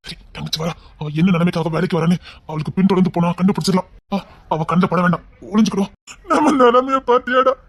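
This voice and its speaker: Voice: mid-range voice, fast, natural voice. A performer playing a grown brother, desperate and tearful, pleading again and again to bring his sister home, with a Tirunelveli Tamil accent. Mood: hushed. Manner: pleading, tearful, repeats himself. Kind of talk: emotional web-series acting.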